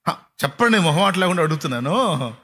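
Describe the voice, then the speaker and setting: A man with a notably high-pitched voice preaches a sermon. He drives each point home through repetition and keeps throwing pointed rhetorical questions at the congregation. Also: sing-song, fast, pushed and bright. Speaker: pastor.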